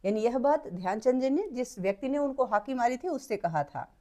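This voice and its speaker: High-voiced woman teaching a lesson. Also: expressive, a little fast, mellow. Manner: patient, step-by-step, repeats points for students. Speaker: Hindi teacher. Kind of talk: explaining textbook exercises.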